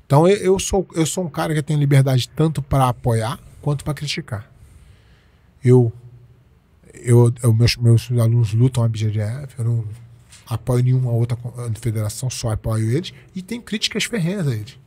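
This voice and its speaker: A man's voice: mid-range voice, normal speed, mellow. A Brazilian man in his forties, a jiu-jitsu coach telling stories in a casual interview, emphatic and repeating his points with slangy speech. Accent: Brazilian Portuguese.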